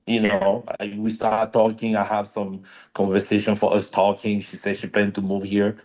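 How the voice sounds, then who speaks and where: Hesitant low-voiced man from Cameroon. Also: monotone, moderate pace, darkish tone. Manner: hesitant, simple phrasing with fillers. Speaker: interview guest. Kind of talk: telling his story in an interview.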